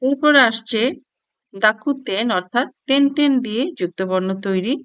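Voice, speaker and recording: A woman gives a slow, patient language lesson and reads each syllable of a chart aloud in turn. Her voice is smooth and clear. It is recorded close and dry, with no room sound. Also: fairly high pitch, a bit bright, dry recording. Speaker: Japanese language teacher.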